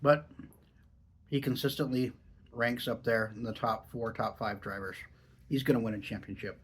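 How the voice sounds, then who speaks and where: A man from Oregon with a mid-range, slightly breathy voice chats to camera at a normal speed and a fairly even pitch. He reviews dipping tobacco in a rambling, folksy vlog style, and a lip full of dip slightly muffles his words.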